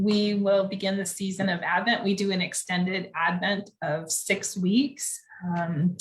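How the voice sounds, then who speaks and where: A woman pastor in casual chat, steadily explaining upcoming church events, recorded at church. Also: lowish voice. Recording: echoey room.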